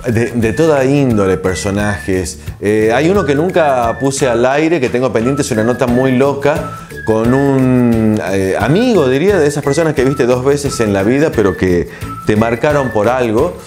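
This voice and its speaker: Argentine man in his forties, mid-pitched, relaxed interview guest, music playing underneath. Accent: Argentine Spanish. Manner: relaxed, reflective, many filler pauses. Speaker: TV host and producer, interview guest. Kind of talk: casual interview answers. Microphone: lapel mic.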